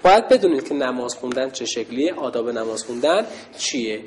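A woman teaching girls a religious lesson, shouting call-and-response cues and giving cheerful praise. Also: a bass voice, expressive, slight background noise. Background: children's chatter.

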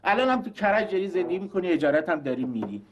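A man's voice: high voice, big pitch swings, lo-fi sound, background noise. An actor playing a self-righteous eldest brother who scolds and insults his siblings over an inheritance. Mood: lecturing. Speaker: eldest brother in a family quarrel. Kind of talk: TV drama acting.

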